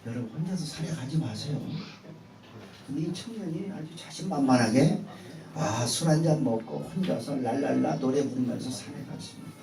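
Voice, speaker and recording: A man's voice: on the high side, wildly swooping pitch, moderate pace, background noise. A male pastor preaching a sermon in a church sanctuary, telling a story and leading the congregation in call-and-response. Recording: echoey church hall from far off.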